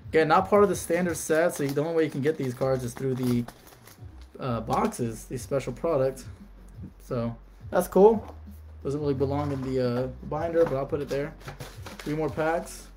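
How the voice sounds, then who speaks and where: A man's voice: fairly high pitch, normal speed, a little mellow, slight background noise. A man chatting casually on a live stream, reading out card names and talking to viewers.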